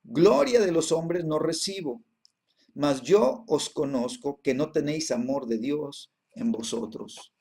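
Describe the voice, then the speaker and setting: A man teaching a Bible class, reading verses slowly and then explaining them with many hesitations and repeated tag questions. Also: on the high side, expressive, a little mellow.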